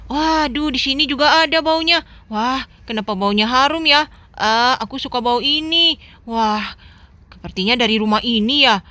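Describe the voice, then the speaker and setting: A woman's voice: high voice, pushed and bright, no room sound. A woman voicing a curious stranger following a smell in a game role-play, murmuring as she goes.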